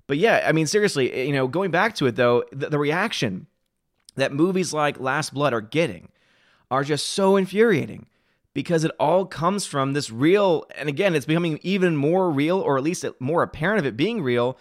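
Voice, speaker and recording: A man's voice: on the high side, animated, dry recording, clean studio sound. A man hosting a live stream, chatting casually and answering viewers' chat comments. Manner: talks fast, reads and answers chat comments.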